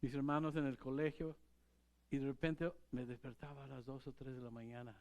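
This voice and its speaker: A man's voice: medium pitch, flat delivery, a little fast, a little mellow, dull audio. A man preaching a sermon as pastor, talking in a conversational way and putting questions to the congregation. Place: church.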